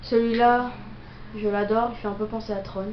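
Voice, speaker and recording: A young woman improvises gameplay commentary for her videos at normal speed, her mid-range voice showing little pitch movement. She has a cold and coughs, and her delivery is hesitant and packed with fillers. The audio is lo-fi, dull, roomy and noisy.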